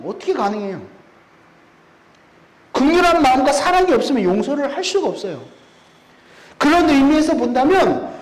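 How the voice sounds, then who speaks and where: A man preaching a sermon in a church, often putting rhetorical questions to the congregation. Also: extremely high pitch. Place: church sanctuary. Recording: echoey church room.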